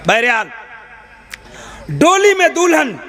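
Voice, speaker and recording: A man's voice: very high voice, wildly swooping pitch, slow pace, bright, forceful tone. A man preaching a sermon to a live gathering, teasing the listeners, firing questions at them and scolding the noisy ones. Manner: banters with and questions the audience. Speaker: Islamic preacher. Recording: live crowd audible behind.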